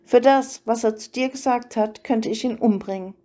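A woman reading the lines of a calm, tender young male vampire in a storybook audiobook, in a soft, even voice. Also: fairly high pitch, moderate pace, lightly acted. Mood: gentle.

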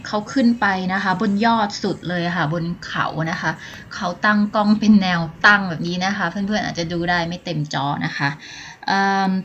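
A woman vlogs a hike on a mountain trail, filming on a phone held at arm's length and chatting politely as casual travel narration, with many filler sounds. Her medium-pitched, fairly bright voice is steady, at normal speed with few pauses. The highs are cut off and there's a little hiss or hum.

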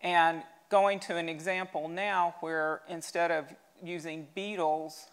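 A woman museum curator giving a steady, explanatory slide lecture, with an occasional restart. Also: on the low side, slow pace, clean tone.

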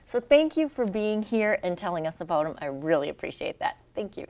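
A woman's voice: lowish voice, sing-song, a little fast, a little mellow, distant mic. Appreciative woman hosting a studio interview. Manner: appreciative, formal wrap-up. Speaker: show host. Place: television studio.

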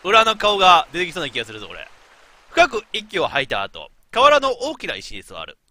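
A man's voice: high-pitched, wildly swooping pitch, brisk, bright, forceful tone. A man streaming a game, quipping and reading the lines aloud theatrically. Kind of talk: animated let's play commentary, reading lines aloud. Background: faint game music.

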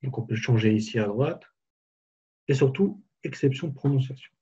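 Male trainer for a tutorial webinar: deep dark tone, slightly raspy, relaxed explainer, muffled lo-fi sound. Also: moderate pace. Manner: casual, explanatory, walks through steps on screen. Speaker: software trainer. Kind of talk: live software tutorial webinar.

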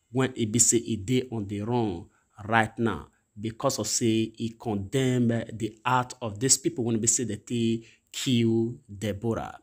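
A man's voice: medium pitch, slightly rough. A man with a Nigerian Pidgin accent hosting a news commentary, talking in a rambling, repetitive way. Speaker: channel host. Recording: voice-over over news images.

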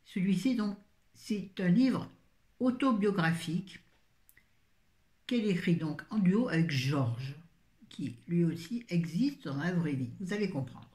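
A woman's voice: on the low side, animated, unhurried, darkish tone, echoey room. An older woman reviewing books in a casual, rambling chat full of self-mocking asides. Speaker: book vlogger.

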